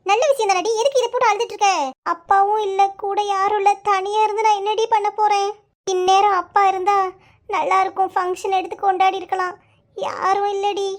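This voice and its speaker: A squeaky, very high young woman from a cartoon office, played by a woman. She chatters, teases her friend and scolds her with affection. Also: very fast, hardly any pauses. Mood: fretful. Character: young women office workers, teasing friend and tearful sister. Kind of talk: cartoon voice acting.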